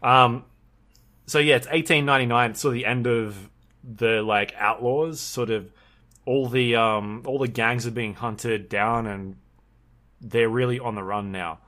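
A man's voice: mid-range voice, steady tone, measured pace, sharp tone. A man co-hosting a podcast in casual chat, rambling along with many ums and restarts. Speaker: podcast co-host.

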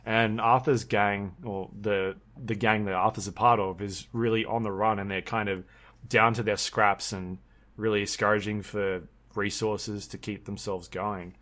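A man's voice: on the low side, little pitch movement, a little slow, fairly bright tone. A man co-hosting a podcast in casual chat, rambling along with many ums and restarts. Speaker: podcast co-host.

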